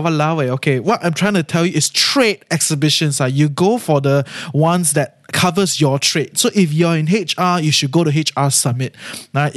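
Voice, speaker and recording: A man's voice: fairly high pitch, no echo, studio quality. A man with a Singaporean accent hosting a podcast solo, giving casual advice in colloquial Singlish with particles like lah and frequent check-in tags. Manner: conversational, often checking in with "right?" and "you know". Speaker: podcast host.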